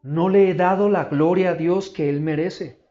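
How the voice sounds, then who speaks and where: High-voiced pastor preaching. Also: male voice, steady tone, mellow, roomy sound, lo-fi sound. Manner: emphatic preaching with dramatic pauses and repeated questions. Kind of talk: sermon. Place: church auditorium.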